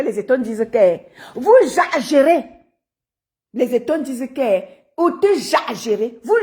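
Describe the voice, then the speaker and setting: Woman, Cameroonian French accent, high voice, live-stream chat, teasing, laughs a lot, greets viewers. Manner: animated, teasing, laughs often, addresses viewers by name. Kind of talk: casual live-stream commentary.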